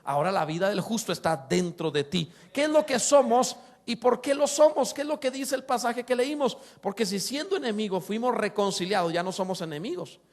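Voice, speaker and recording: A middle-aged man preaching a sermon as pastor, lively, asking rhetorical questions and slipping in humorous asides. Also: high voice, brisk.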